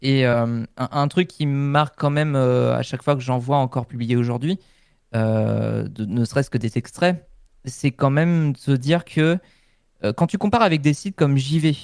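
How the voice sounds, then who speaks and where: Man, crisp clear voice, middle pitch, hesitant careful phrasing, casual panel talk. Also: normal speed, darkish tone, dry recording, studio quality. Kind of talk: casual spoken news discussion.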